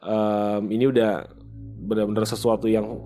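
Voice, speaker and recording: A man hosting a casual channel, retelling an online story in a chatty way with frequent pauses and fillers. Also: on the low side, monotone, dark tone, soft background music. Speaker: host.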